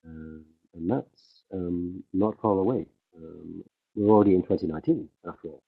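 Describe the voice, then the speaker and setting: This is live interpretation of a conference speech by a man whose voice is deep and husky. Keeping up with the speaker, he hesitates, uses many fillers and often starts over. The sound is narrow and tinny, like a livestream feed from an interpreter booth.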